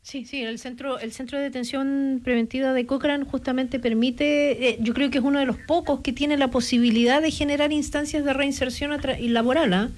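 A woman's voice: high-pitched, steady tone, fairly quick, few pauses, slight background noise. A woman hosting a radio call-in interview, speaking to callers in a familiar, caring way. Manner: warm, addresses callers familiarly. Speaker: radio host.

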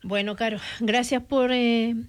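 A woman's voice: fairly high pitch, fairly even intonation, unhurried, smooth. Woman hosting a radio call-in. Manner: warm, addresses callers familiarly. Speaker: radio host.

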